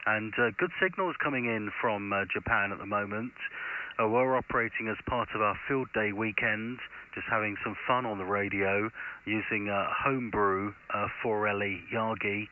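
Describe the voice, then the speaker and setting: Crackly radio, low-voiced man. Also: moderate pace. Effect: crackly two-way radio transmission. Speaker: amateur radio operator. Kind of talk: ham radio contact with phonetic callsigns. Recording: thin narrow-band shortwave radio.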